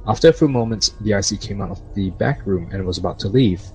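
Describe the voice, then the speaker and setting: Low-voiced man narrating a ghost story. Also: quick pace, a little mellow, soft background music, rough recording.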